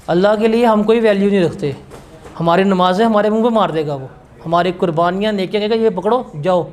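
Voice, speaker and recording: A man's voice: sits high, darkish tone. A male teacher giving a classroom lecture in a blunt, scolding, emphatic way.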